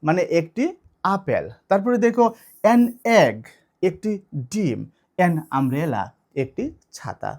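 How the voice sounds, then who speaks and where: A man's voice: fairly high pitch, darkish tone. A man teaching an online grammar lesson, explaining step by step and asking his students questions.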